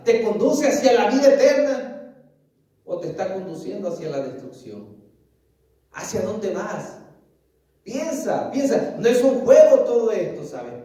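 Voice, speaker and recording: A man's voice: high-pitched, warm tone. A man preaching a sermon as pastor, earnestly pressing his listeners with repeated questions and calling them dear brother. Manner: keeps asking "¿sabes?" and calls listeners "querido hermano". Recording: echoey, distant mic.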